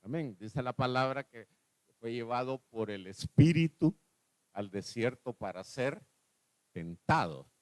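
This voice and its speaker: A man's voice: medium pitch, lively intonation, dry recording. A male pastor from El Salvador, preaching a sermon, asking the congregation questions and repeating key phrases. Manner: slows down and drops his voice on key words.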